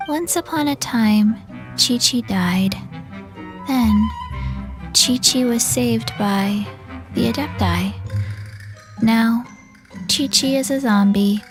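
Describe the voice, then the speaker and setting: A woman voicing a small, blank and earnest zombie girl in a video game, soft, childlike, halting and deadpan. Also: on the high side. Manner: deadpan, halting, speaks in third person. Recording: game music behind. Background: game music.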